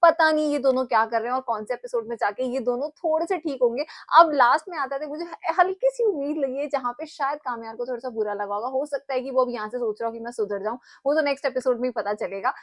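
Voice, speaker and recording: A woman's voice: high-pitched, fast, few pauses. A woman co-hosting a casual drama reaction video, thinking aloud about the characters. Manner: thoughtful, musing commentary.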